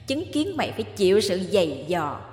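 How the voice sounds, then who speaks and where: A woman's voice: medium pitch, a little mellow, reverberant, big-room sound. Vengeful female ghost voiced by a woman, mocking, cackling, storybook reading. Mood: gloating. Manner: cackling, taunting.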